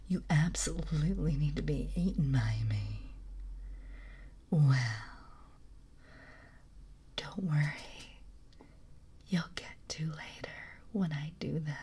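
In an intimate ASMR livestream, a woman streamer whispers softly in a deep, raspy voice, giggling often.

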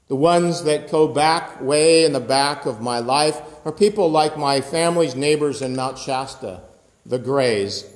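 Shot close up on a phone angled upward, this fifties-aged pastor delivers a sermon in a casual, talking style full of gestures and side remarks. His voice is somewhat high. The lofty sanctuary gives the recording a long, echoey reverb.

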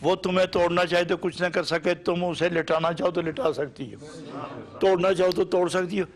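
A man from Pakistan delivering a sermon lesson in a slightly high voice. He builds long chanting runs of short parallel phrases, then lifts into pointed rhetorical questions. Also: fairly even intonation. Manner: rhythmic, repetitive lists of short phrases; emphatic rising questions. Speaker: Sufi preacher.

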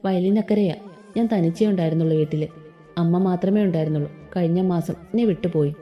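A woman's voice: lowish voice, a little fast, natural voice. A woman voicing a kind, lonely housemaid in a Malayalam audio story, speaking in a caring, homely way. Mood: kindly. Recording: slightly dull with soft background music.

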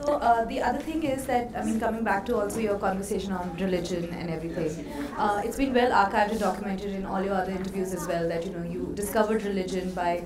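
A woman's voice: mid-range voice, quick pace, hardly any pauses. A woman interviewer asking long, chatty questions with plenty of fillers. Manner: chatty, many fillers and agreeing yeahs. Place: festival lounge, indoors. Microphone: handheld mic. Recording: echoey room with crowd chatter. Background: crowd murmur.

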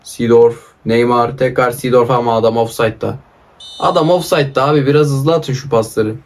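A young man giving chatty, excitable commentary over his own football video game match as a gaming YouTuber. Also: medium pitch, fairly quick.

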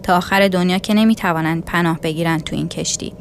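A woman's voice: fairly low pitch, steady tone, slight background noise, close to an everyday voice. A woman voicing a threatening scar-faced male officer with a nasal voice, puffing with anger, in a storybook reading. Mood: menacing.

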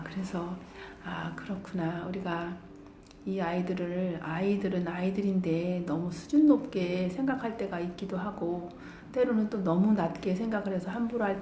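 A middle-aged woman telling a personal anecdote, animated, acting out children's voices as she goes. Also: on the low side. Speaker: storyteller. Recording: echoey room, faint noise.

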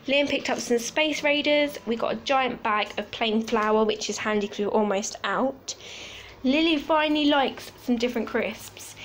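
A woman's voice: fairly high pitch, slight background noise. A young woman from the UK chatting casually through a grocery haul, listing items with small asides, recorded on a phone in her home kitchen. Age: 20s. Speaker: vlogger.

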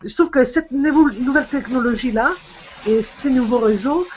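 Her voice is high-pitched and a little mellow, at normal speed, with a touch of hiss or hum from her earphone headset. She's a middle-aged fashion designer, Italian by first language, hesitantly chatting on a home video call with plenty of fillers and restarts.

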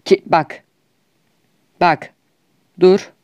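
A man's voice: drawn-out words, darkish tone, no echo, highs cut off. A young man with a Turkish accent, trash-talking over mobile shooter gameplay in a whiny, exasperated comedic skit. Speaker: gaming YouTuber.

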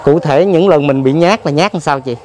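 A man with a Southern Vietnamese accent who hosts a vlog, interviewing gently and prompting with frequent soft acknowledgements. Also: on the high side, moderate pace, a crowd in the background. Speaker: vlog host.

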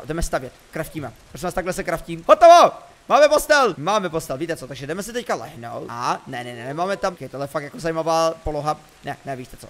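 Excitable young man, gameplay commentary. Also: sits high, a little hiss or hum. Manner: excitable, joking, sudden loud exclamations. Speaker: gaming youtuber. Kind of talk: let's play commentary.

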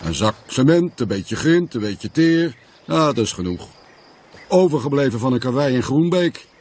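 A man doing a brisk, self-assured builder. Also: mid-range voice, very animated, darkish tone, slight background noise, natural voice. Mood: confident. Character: cheerful, capable male village builder.

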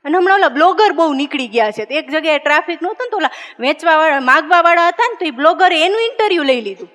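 A woman performing comic stories on stage before a live audience, animated, laughing and acting out other people's lines. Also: high voice, fast talker. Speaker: comedian. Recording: long hall reverb.

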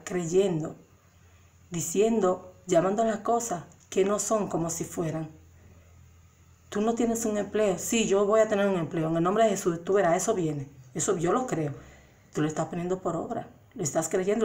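A woman's voice: lowish voice, darkish tone. A woman preaching a sermon with a Dominican Spanish accent, earnest and exhorting, repeating phrases for emphasis.

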